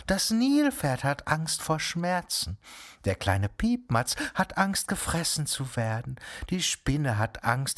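A woman doing a gentle little snake. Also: deep voice, exaggerated voice. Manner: soft, gentle and reassuring. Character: young small snake, gentle and kind.

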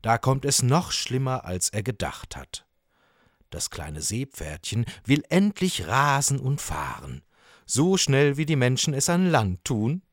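A man narrating a children's story with expressive, storytelling delivery. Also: medium pitch, unhurried, no room sound, clean studio sound.

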